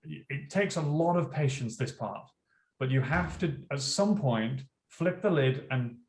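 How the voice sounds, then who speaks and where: A school principal being interviewed, telling animated stories and acting out classroom dialogue. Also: male voice, a little high, a little slow, slight background noise. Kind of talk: interview storytelling. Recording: roomy echo.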